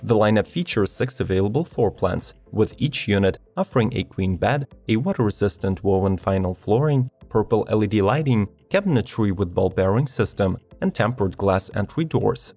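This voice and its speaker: A man narrating a scripted product video in an even, measured read of specifications. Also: on the low side. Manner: even, measured reading of specs. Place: studio voice-over. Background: faint background music.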